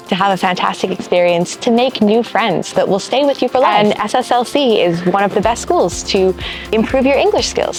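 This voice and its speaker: A woman from a language school giving an upbeat, polished pitch for its summer camp outdoors on a campus. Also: poor audio. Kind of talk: promotional talk to camera. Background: faint music.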